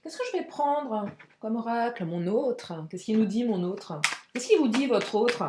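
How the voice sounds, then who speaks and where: A woman giving a casual, chatty tarot card reading to her viewers, expressive and frank, with frequent exclamations. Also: on the high side, unhurried, echoey room, background noise. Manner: frank and outspoken. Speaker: tarot and oracle card reader.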